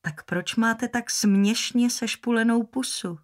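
A woman's voice: on the high side, pitched above the performer's own voice, close to an everyday voice. A woman reading an audiobook, voicing a self-assured, cynical man who talks in a dry, teasing way. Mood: mocking. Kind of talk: audiobook character voice.

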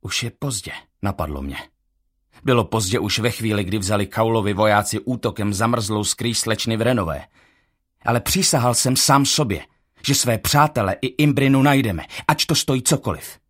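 A man reading a first-person audiobook in a measured, tense storytelling manner. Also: on the low side. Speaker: audiobook narrator.

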